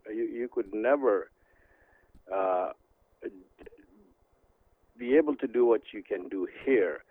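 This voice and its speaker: An older man from India, a guest author, talking by phone in a halting way with many pauses and restarts. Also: mid-range voice, no echo. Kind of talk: phone interview. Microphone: telephone. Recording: tinny phone line.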